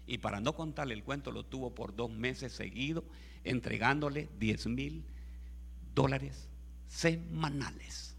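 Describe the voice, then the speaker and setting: A man's voice: mid-range voice, a little slow, gravelly, husky. A man preaching a sermon through a story, emphatic and repetitive, often calling his listeners brother and having them repeat phrases after him. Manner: leads the congregation in repeating phrases.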